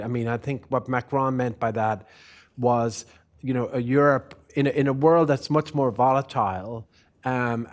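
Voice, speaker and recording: Man thinking aloud in a halting way. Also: medium pitch. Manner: thoughtful, hedging, halting with many restarts. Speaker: guest speaker, policy analyst. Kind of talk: unscripted answers at a forum discussion.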